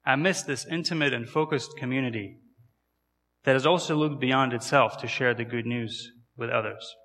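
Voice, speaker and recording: In a large hall, a man at medium pitch and moderate pace, slightly bright, preaches conversationally as a visiting missionary. He is in his thirties, from Kazakhstan with its accent, and asks the audience questions.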